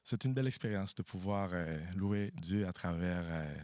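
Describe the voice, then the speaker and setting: A male bass singer of Haitian and Venezuelan origin, speaking softly with many fillers. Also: normal speed, no room sound, studio quality.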